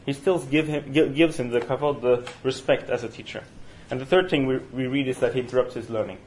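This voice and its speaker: A male lecturer with a Norwegian accent runs a university seminar study session, his mid-pitched, darkish voice steady in tone yet hesitant, with frequent fillers and restarts. A single room mic in the university room gives a rough recording with faint hiss behind.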